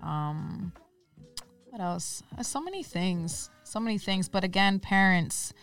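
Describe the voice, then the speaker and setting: Far from the mic, with faint music in the background, a woman guest on a casual podcast speaks slowly at medium pitch with lively intonation and a fairly bright, clean tone. She is earnest and sprinkles in "like" and "um".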